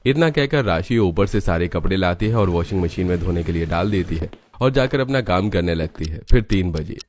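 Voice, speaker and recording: A man narrating an animated family story in a steady storytelling way. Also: low-pitched, a little fast, a little hiss or hum.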